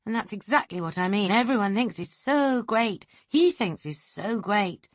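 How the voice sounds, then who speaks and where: A woman's voice: medium pitch, lively intonation, no room sound, pitched above the performer's own voice, lightly acted. A woman voicing an agitated teenage girl who gabbles insistently in an audiobook. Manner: fast, breathless, insistent.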